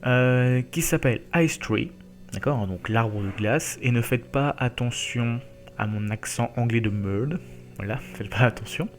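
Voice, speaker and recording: A man's voice: mid-range voice, a little slow, faint music behind. A man casually introducing his gaming series, talking loosely with many fillers and repeated "okay?" checks. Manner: chatty, full of fillers and checks like "d'accord?".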